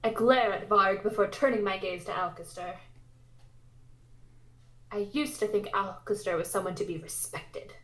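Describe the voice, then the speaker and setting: A woman's voice: mid-range voice, steady tone, normal speed, long pauses, natural voice. A woman voicing an earnest, indignant young princess heroine in a dramatic visual novel read-aloud. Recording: roomy, echoey sound.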